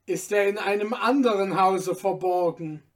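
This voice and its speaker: A man voicing an impatient male servant in a storybook reading, loud and demanding. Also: high voice, moderate pace, far from the mic, natural voice.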